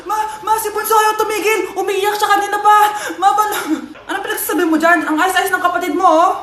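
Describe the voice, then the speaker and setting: High-voiced Filipino woman doing comedy skits. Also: steady tone, fast talker, slight background noise. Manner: switches between bratty child and scolding mother voices. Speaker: comedy sketch creator. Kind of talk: comedic skits playing several family roles. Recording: echoey room with loud music behind.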